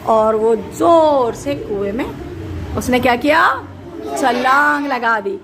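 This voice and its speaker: A woman teacher telling a story to a class of children in an animated way, asking them questions as she goes. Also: fairly high pitch, slow, background noise.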